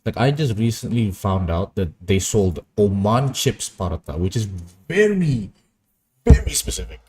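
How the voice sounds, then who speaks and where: A man's voice: fairly low pitch, sing-song, a little slow, darkish tone, slightly rough. A young man chatting casually and rambling through stories while he works on an animation. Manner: rambling, anecdotal, easily amused. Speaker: animation streamer.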